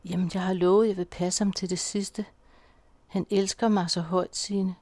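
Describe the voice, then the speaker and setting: A woman voicing a worried, devoted elderly wife who pleads softly. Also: lowish voice, flat delivery, no room sound, close to an everyday voice. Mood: pleading.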